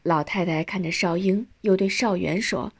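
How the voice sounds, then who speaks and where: A woman narrating a family story in measured audiobook style. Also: on the low side, breathy edge.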